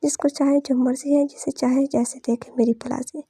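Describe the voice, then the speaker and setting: A woman voicing an angry, sharp-tongued young heroine who scolds and defies her elders in a storybook reading. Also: high voice, level tone, moderate pace, no room sound, studio quality. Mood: furious. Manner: scolding, defiant.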